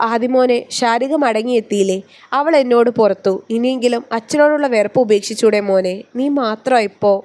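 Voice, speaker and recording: A woman's voice: a little high, fairly quick, a little mellow, close to an everyday voice. Woman doing an old dad pleading, voice catching, storybook read. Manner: faltering, pleading. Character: ageing father, choked and pleading.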